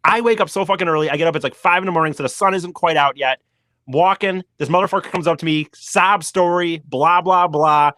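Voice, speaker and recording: Dry-sounding, high-voiced curious man. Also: fairly quick, sharp tone, no echo. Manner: curious, probing questioner. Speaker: podcast co-host. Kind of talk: casual chat.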